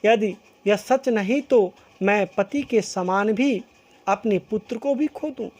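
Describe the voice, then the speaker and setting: Woman teacher walking a class through a poem, unhurried, keeps restating lines. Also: mid-range voice, darkish tone. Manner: slow and repetitive, rephrasing each line several times. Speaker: school teacher. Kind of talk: explaining a poem line by line in class.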